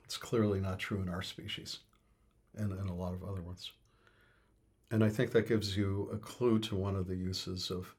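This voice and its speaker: A man with a deep, husky voice talks thoughtfully about music as an interviewee. He hesitates a lot, filling gaps and restarting his sentences.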